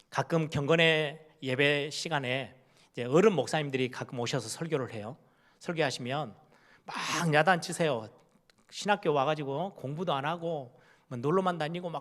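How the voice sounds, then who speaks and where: Middle-aged man, pastor giving a sermon, slightly high voice, chatty, asks the congregation questions, acts out quoted lines. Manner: acts out parents' and children's words in quoted voices.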